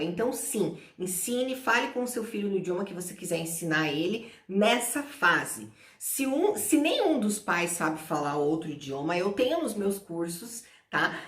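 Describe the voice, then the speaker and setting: A woman's voice: mid-range voice, fairly bright tone. A woman who teaches English, giving parenting advice in an explanatory vlog and talking straight to mothers and fathers. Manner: explanatory, addresses parents directly. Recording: roomy echo, voice from a distance.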